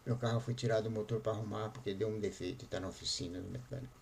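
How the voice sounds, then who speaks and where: A pastor voicing a kind, faithful neighbor who speaks insistently, like a preacher. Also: male voice, lowish voice, steady tone, rapid-fire, gravelly, a little hiss or hum. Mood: explaining.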